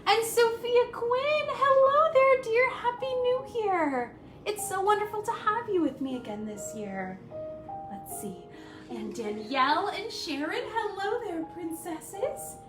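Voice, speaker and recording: A woman in the role of a sweet, cheerful young princess welcomes children to a live story-time, gushing and sing-song, with small delighted gasps. Her very high-pitched voice is animated and exaggerated, taking things slowly in a sweet, welcoming mood. The mic is distant, the room echoey, and faint music plays.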